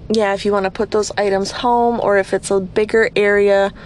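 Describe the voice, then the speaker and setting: The podcast host, a woman just out of bed, leads a casual guided cleaning session at home in the early morning with a slightly raspy, mid-range voice. Her tone is level and her speed normal as she chats and rambles with self-deprecating remarks, with slight background noise present.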